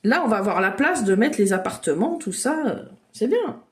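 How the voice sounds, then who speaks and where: A woman leading an online drawing workshop for children, guiding them with lively, encouraging make-believe storytelling over a video call. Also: medium pitch, normal speed. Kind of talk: playful storytelling drawing lesson for kids.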